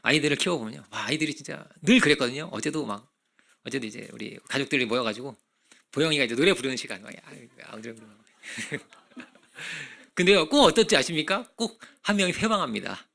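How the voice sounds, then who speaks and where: Gravelly bright-voiced male pastor. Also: medium pitch, a little fast. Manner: conversational preaching with frequent rhetorical questions; acts out children's voices in animated bursts. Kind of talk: sermon.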